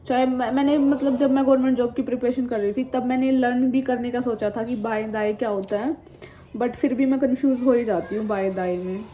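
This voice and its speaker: A woman in her twenties with a fairly high voice talks quickly and with fairly even intonation in a casual vlog chat. She reads viewer comments aloud and answers them frankly, mixing English words and phrases into her Hindi. The sound is dull and slightly muffled, with faint background noise.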